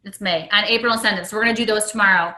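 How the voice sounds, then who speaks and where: A woman's voice: mid-range voice, steady tone, very fast, bright, forceful tone, roomy sound, poor audio. A woman leading a casual team call, chatty and trailing off at the ends of phrases. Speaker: team leader hosting a call.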